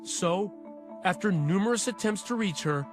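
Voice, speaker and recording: A man narrating a television news investigation in a measured, dramatic scripted delivery. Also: high voice, expressive. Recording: music bed under voice.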